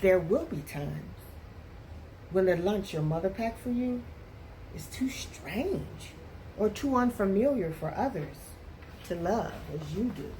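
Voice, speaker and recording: A woman reading a picture book aloud as a teacher does for young students, with deliberate, expressive phrasing. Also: medium pitch, a little hiss or hum, low-quality recording. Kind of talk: expressive read-aloud storytelling for children.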